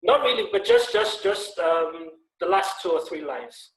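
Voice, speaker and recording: A man's voice: high voice, wildly swooping pitch, measured pace, creaky, echoey room, poor audio. A man interviewing a guest over a glitchy video call, repeating himself as he checks the connection. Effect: heard over a glitchy video call. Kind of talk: online interview.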